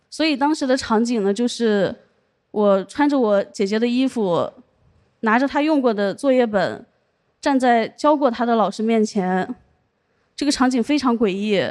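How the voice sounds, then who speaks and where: A young woman performing a stand-up comedy set, telling her story deadpan and landing punchlines over audience laughter. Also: a little high, a little hiss or hum. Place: comedy stage with a live audience.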